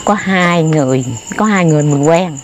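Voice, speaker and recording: An older woman with a Southern Vietnamese accent telling stories in a casual, animated and exclamatory way, often repeating herself, recorded outdoors. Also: low-pitched, normal speed, a little hiss or hum. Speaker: interviewee. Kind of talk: casual storytelling. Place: outdoors by graves at night.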